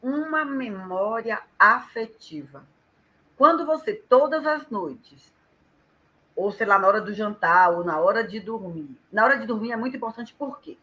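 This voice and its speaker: A woman with a Brazilian Portuguese accent, an educator talking on a live stream and explaining things in an animated way. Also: mid-range voice, moderate pace, low-quality recording. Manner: animated, acts out quoted speech vividly.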